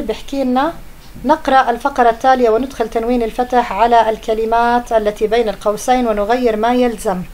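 A woman's voice: a little high, a little mellow. A young woman teacher, patiently explaining a grammar lesson to pupils and often checking that they follow.

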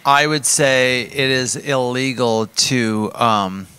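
A male talk show guest with a bright, forceful voice, guessing trivia answers. He jokes along with enthusiasm in casual conversation. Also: mid-range voice, slow, smooth. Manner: jokey, enthusiastic. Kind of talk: casual chat.

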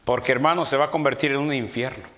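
A middle-aged man preaching a sermon in church, rising to shouts and peppering his talk with amens. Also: medium pitch, steady tone, fast talker. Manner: mimics quarrelling voices in his anecdotes. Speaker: pastor. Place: church sanctuary.

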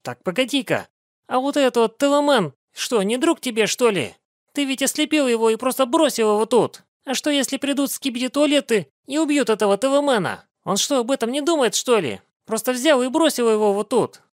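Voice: medium pitch, animated, a little fast, no echo, clean studio sound. A reaction show host giving casual, colloquial commentary in an incredulous manner. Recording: cartoon music behind the voice.

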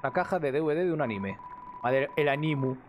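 A man, commentating a game live and reading its text aloud, excitable, swearing often and shouting suddenly. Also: a little high, brisk, a little hiss or hum. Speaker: streamer. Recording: game music playing clearly behind the voice.

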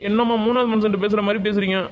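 A woman voicing a tearful young grown son in an animated family comedy-drama, crying and begging his mother's forgiveness. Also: medium pitch, very fast, close to an everyday voice. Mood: pleading, tearful. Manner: pleading and apologetic.

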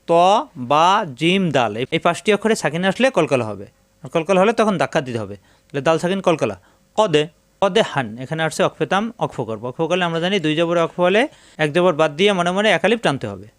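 Patient man teaching Quran spelling slowly. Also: a little high, no room sound. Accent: Bangladeshi Bengali. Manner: slow drawn-out chanting of Arabic words between plain explanations; patient, methodical, repeats each syllable. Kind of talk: step-by-step spelling and pronunciation lesson.

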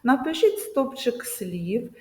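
A woman teacher giving a video lesson to children, speaking slowly and emphatically and drawing out example words. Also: on the high side, big pitch swings, dark tone. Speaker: primary school teacher. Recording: echoey room with long reverb.

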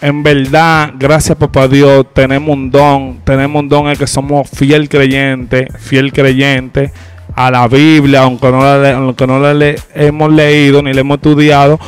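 Young Dominican man, smooth streetwise voice. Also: mid-range voice, little pitch movement, soft background music. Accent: Dominican Spanish. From Dominican Republic. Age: young adult. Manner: streetwise slang, quick asides and laughs. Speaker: urban music artist guest. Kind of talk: casual interview. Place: lounge bar set indoors. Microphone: handheld mic.

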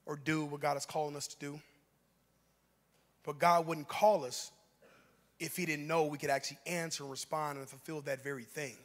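A male pastor preaching a sermon, rising to shouts and calling for response, acting out scripture characters in a raised voice. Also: a little high, in a large hall. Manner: acts out biblical figures' lines in a voice raised for dramatic effect. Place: church sanctuary.

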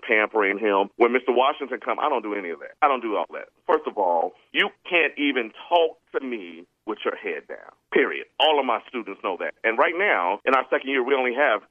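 A man's voice: on the low side, fairly quick, few pauses, no echo. A man in his forties, a school educator, telling stories about his students and acting out their voices. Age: 40s. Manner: animated storyteller, acts out students' voices. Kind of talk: storytelling conversation. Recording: dry, tinny phone-line sound.

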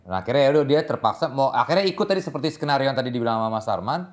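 A man's voice: mid-range voice, lively intonation, very fast. A man co-hosting a talk show, joking and teasing in casual banter and reading ad lines playfully. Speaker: co-host.

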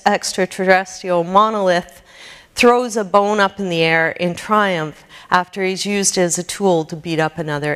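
Female keynote lecturer, lowish, smooth voice, measured reading, reverberant hall. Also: a bit bright. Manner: measured reading with occasional slips and restarts. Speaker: keynote speaker. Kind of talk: academic lecture reading prepared text. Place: lecture hall with projected slides.

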